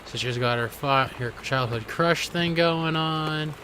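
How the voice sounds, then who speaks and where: A man in his late twenties giving casual let's-play commentary, musing quietly and sometimes bursting out excitedly. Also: on the high side, unhurried, a little hiss or hum. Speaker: gaming video host.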